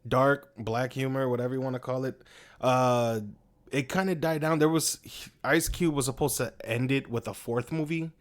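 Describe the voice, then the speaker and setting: A young man in casual podcast chat, swearing freely as he rambles from one thought to the next. His voice sits at an ordinary middle pitch, and it jumps up when he laughs and retells his favorite scenes. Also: fairly even intonation, moderate pace. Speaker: podcast co-host.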